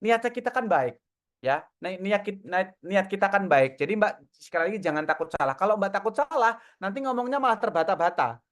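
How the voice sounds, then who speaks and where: Guy coaching folks on a video call, lively, encouraging, tells stories. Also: sits high, a little fast. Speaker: coach answering audience questions. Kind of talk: casual online Q&A advice.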